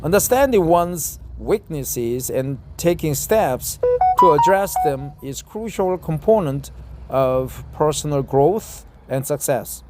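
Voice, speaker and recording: A middle-aged Korean man with a fairly high, warm voice reads an article aloud in English as casual self-recorded practice. As a non-native speaker with a Korean accent, he hesitates and fills in with fillers and self-corrections.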